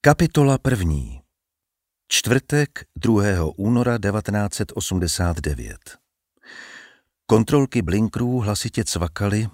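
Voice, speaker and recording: A man narrating an audiobook in a measured, dramatic storytelling manner. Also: low voice, darkish tone, no room sound, studio quality.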